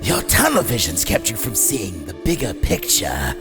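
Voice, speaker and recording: A man's voice: lowish voice, huge pitch swings, moderate pace, over music. A man voicing a maniacal, gleefully cruel clown supervillain in a motion comic, theatrical and cackling, swinging between shrieks and murmurs. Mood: manic taunting.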